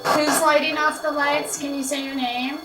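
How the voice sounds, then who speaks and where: Lady doing a spirit session, asking questions out loud, kinda far from the mic, echoey room. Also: high voice, little pitch movement, normal speed, over music. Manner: repeats and interprets short replies, asking question after question. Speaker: paranormal investigator hosting a spirit box session. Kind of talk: questioning spirits aloud, pausing for replies. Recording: echoey, distant mic, noisy with clicks.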